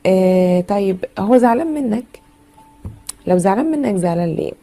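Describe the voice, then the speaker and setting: A woman's voice: mid-range voice, animated, fairly quick, mellow. A woman with an Egyptian Arabic accent giving a chatty, casual tarot reading full of fillers and teasing asides. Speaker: tarot reader.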